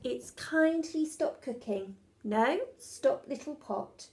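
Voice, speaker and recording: A woman voicing a clumsy, cheerful little girl witch in a storybook, with high, excited squeals. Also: takes it slowly. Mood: flustered.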